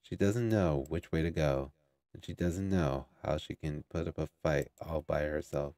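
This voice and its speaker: A man with a sore throat reading a game's story aloud, in a slurring, low-energy way. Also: moderate pace, warm tone, no room sound. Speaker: gaming streamer.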